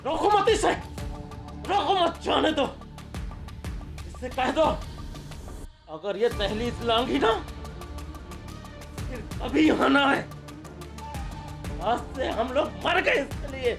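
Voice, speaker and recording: An actor playing a strict, traditional middle-aged father who scolds his daughter and rises to shouting. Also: very high voice, slow, vocal fry, pauses often, music in the background, heavily acted. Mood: furious.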